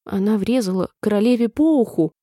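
A woman's voice: mid-range voice, expressive, a little fast, dark tone, no echo, clean studio sound, close to an everyday voice. Woman doing a timid whispering rabbit. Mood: anxious. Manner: whispering, fearful.

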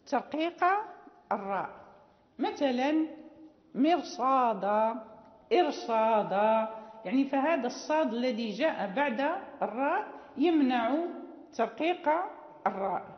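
A woman teacher explains recitation rules patiently, pausing on fillers and repeating each example slowly. Her voice sits high. The recording is dull and lo-fi, with a long hall reverb around it. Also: expressive.

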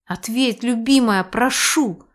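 Storybook fiancé, gentle and caring, young lord, read by a woman in her own slightly high voice. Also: slow pace. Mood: worried. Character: tender devoted young male lord, fiancé.

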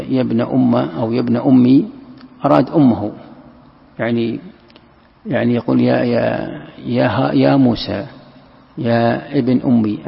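A man's voice: medium pitch, creaky, breathy edge. A male scholar giving a commentary lesson, explaining and repeating phrases for emphasis. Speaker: Islamic scholar teaching Quran commentary. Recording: lo-fi lecture recording in a reverberant hall.

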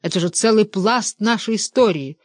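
A narrator voicing an excitable, pompous old male stoker who shouts and lectures in a hoarse voice. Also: mid-range voice, moderate pace, no echo, studio quality, close to an everyday voice. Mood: zealous.

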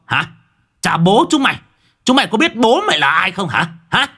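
A man's voice: low voice, very animated, moderate pace, a little mellow, a little hiss or hum. A man doing a brash, cursing spirit medium. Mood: furious. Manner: blustering, then roaring curses. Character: brash tattooed male spirit medium, young.

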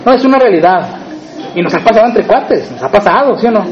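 A man's voice: high voice, animated, fast, dull audio. A man with a Mexican accent preaching a sermon in a conversational way, often asking the congregation questions. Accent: Mexican Spanish.

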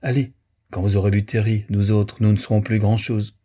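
A man's voice: fairly low pitch, level tone, normal speed, mellow, husky. A man voicing a precocious girl who copies worldly adult manners with studied, affected intonations.

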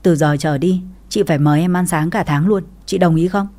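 A blunt young sister-in-law with a sharp tongue, as a woman storyteller puts her on. She speaks in a low, mellow voice. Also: a little fast, natural voice. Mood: plain.

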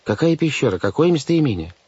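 A man's voice: medium pitch, expressive, a little fast, a little mellow, slightly rough, dry recording, pitched above the performer's own voice. A man reading an audiobook, voicing a fussy, well-meaning guardian who frets over the children. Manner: fussy, fretful, raised voice. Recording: dull lo-fi audiobook recording.

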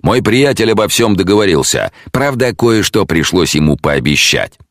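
A man's voice: deep voice, big pitch swings, normal speed, no room sound, clean studio sound, voice pushed up, heavily acted. A man voicing the boisterous, mocking ghost of an old sea commodore in an audiobook. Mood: jovial. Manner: loud, jovial, mocking.

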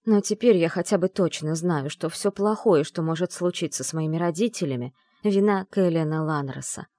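Female audiobook narrator, lowish voice, measured storytelling, dry close sound. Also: mellow, no echo. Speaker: audiobook reader. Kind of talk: scripted narration.

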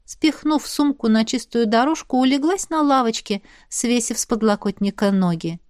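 A woman reading a first-person fantasy audiobook in a steady, even storytelling voice. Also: fairly high pitch, normal speed, no room sound, clean studio sound. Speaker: audiobook reader.

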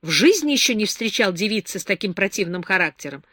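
A woman's voice: medium pitch, very animated, fast, a bit bright, no room sound, clean studio sound. A woman voicing an exasperated, curt grown man in an audiobook. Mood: irritated. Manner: grumbling, curt. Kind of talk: audiobook character reading.

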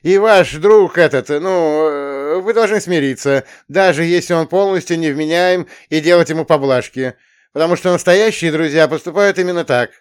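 A man's voice: fairly high pitch, moderate pace, smooth, pitched above the performer's own voice, natural voice. A man voicing a pompous, jittery male camp counselor who barks orders and loses his words. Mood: lecturing. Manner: shouty, pompous, flustered.

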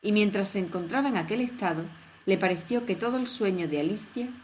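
A woman narrating a children's audio story in a lively, expressive storytelling manner. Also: medium pitch, a little fast, slight background noise.

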